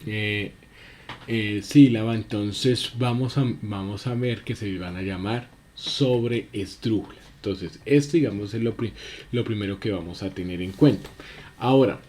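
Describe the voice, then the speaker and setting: A man teaching a spelling lesson, halting, with many fillers and restarts. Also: lowish voice, darkish tone, a little hiss or hum.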